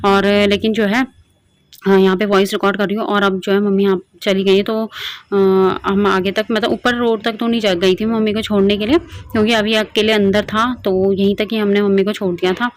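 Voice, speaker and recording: A young woman from Garhwal in the hills of northern India, chatting through a home vlog with lots of fillers. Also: medium pitch. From Garhwal, Uttarakhand. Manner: chatty, rambling, many fillers. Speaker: vlogger. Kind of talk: casual vlog narration. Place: home kitchen.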